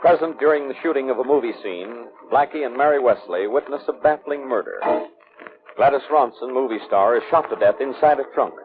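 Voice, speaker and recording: A man narrating a scripted story recap in a measured announcer delivery, in the manner of an old radio show. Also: mid-range voice, natural voice. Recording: tinny old radio broadcast recording. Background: loud organ music.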